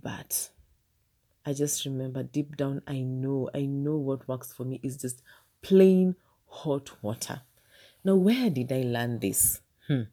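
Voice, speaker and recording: Low, mellow-voiced Kenyan woman telling stories. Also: slow pace. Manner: chatty, humorous, speaks straight to her viewers. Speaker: teacher telling a personal story. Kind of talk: casual storytelling vlog.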